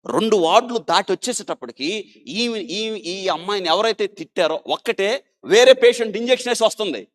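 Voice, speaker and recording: In a high-pitched, animated voice and at a slightly fast pace, a male doctor recounts a dramatic story during an interview. He alternates between loud emphasis and quiet asides, pressing his listeners to listen and think.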